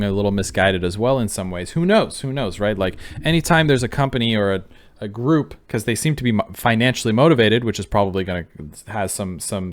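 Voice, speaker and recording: Man musing aloud in casual commentary. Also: on the low side. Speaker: video reactor. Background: faint music.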